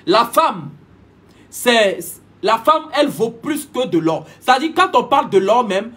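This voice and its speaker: A man's voice: very high-pitched, very animated, a little slow, bright, forceful tone, slightly rough. A man giving a preachy, repetitive live-stream monologue, switching languages mid-sentence. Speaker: livestream host.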